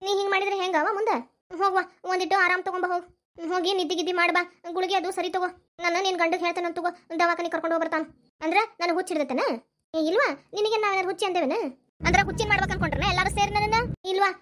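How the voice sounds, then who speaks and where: A woman's voice: very high-pitched, a bit bright, slight background noise. A woman with a North Karnataka accent voicing squabbling village women, mothers-in-law and daughters-in-law, in a cartoon family drama, scolding and bickering back and forth. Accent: North Karnataka Kannada.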